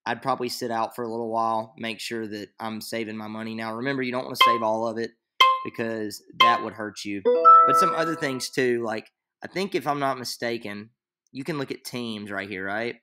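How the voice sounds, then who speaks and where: A young man talks briskly at medium pitch with loud music behind him. Sitting at his computer in a small room, this fantasy league tutorial maker does a casual screen-share of a draft, rambling and thinking aloud with plenty of fillers.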